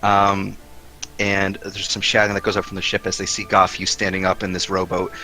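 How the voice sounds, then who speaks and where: A male game master with a fairly low, crisp-edged voice. He narrates a fantasy tabletop session in halting, improvised phrases. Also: completely flat delivery, bright, forceful tone, soft background music, poor audio.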